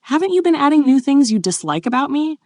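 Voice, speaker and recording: A woman's voice: a little high, lively intonation, normal speed, dry recording, clean studio sound, voice pushed up. A woman reading the part of a blunt, earnest young male duke in a plain, raised voice.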